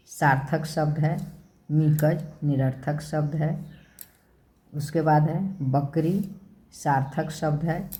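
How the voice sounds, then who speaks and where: A woman teaching a worksheet lesson to young children, sounding out each word letter by letter. Her voice sits low and dark, and she moves at an unhurried, very slow pace. Her manner is patient and methodical. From India. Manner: slow, spells words sound by sound.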